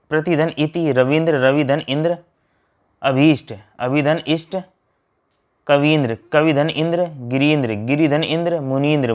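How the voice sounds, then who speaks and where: A man teaching a grammar lesson, reading out word pairs and splitting each one in a steady drill. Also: fairly high pitch.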